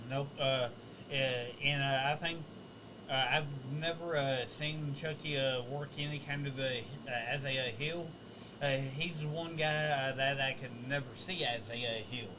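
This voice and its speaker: Man, co-host, halting speech with constant fillers, noticeable background noise. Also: medium pitch, steady tone. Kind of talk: casual wrestling commentary.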